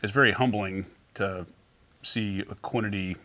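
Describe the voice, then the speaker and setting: A middle-aged man, a company founder, telling relaxed stories in an interview, with lots of fillers and restarts. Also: on the low side, a little slow. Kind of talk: casual interview storytelling.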